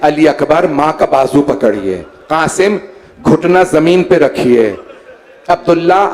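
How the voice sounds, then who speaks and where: Brief: male religious scholar, high voice, mourning sermon, impassioned lament rising to wailing shouts. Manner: dramatic, voices the pleas of the people in the story. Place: mourning hall with a gathered audience.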